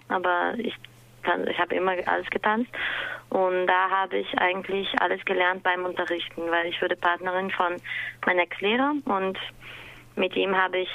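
A woman in her twenties with a Brazilian accent, answering a live interview as a dance teacher in halting German and laughing often. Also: on the low side, flat delivery, creaky, no echo, highs cut off. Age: 20s. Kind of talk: live interview over a call.

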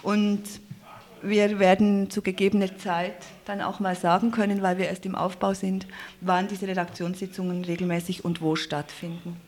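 Live in the radio studio, this presenter and editorial team member stays earnest and wordy, frequently correcting herself. Her mid-range voice is a little mellow, flat in delivery and at normal speed.

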